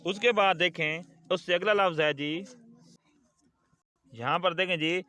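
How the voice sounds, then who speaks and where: A patient male teacher walks young children through a recorded lesson. He speaks in a fairly high voice, repeating key words and asking little quiz questions. He then waits for the answers. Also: unhurried, pushed and bright, slight background noise.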